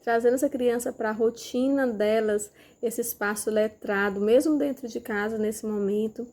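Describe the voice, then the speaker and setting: A woman's voice: a little high, steady tone, moderate pace, a little mellow. A woman teacher, talking parents through letter activities in a casual instructional way and modeling questions as if to a child. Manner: demonstrates with materials, asks questions as if to a child.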